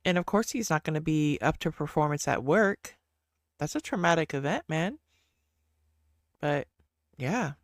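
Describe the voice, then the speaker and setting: A man's voice: a little high, gravelly, dry recording, studio quality. A man giving rambling, casual reaction commentary, thinking aloud while watching. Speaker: reaction video host.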